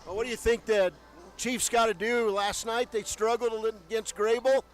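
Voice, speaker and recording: Courtside in a gym, a radio sports broadcaster hosts a pregame show, chatting upbeat with a guest. His voice is very high-pitched and brisk, with fairly even intonation.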